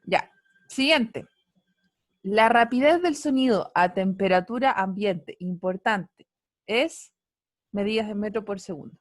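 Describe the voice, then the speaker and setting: A woman teacher runs an online physics class through a computer mic on a video call, playfully teasing and firing questions at her students. Her voice is medium-pitched and a little slow, with clean studio-quality sound and no room echo.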